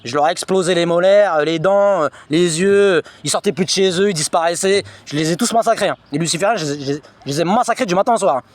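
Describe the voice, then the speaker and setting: A man's voice: high voice, fast talker, hardly any pauses. A man telling a personal story in an agitated, repetitive, slangy monologue. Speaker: vlogger recounting personal experiences.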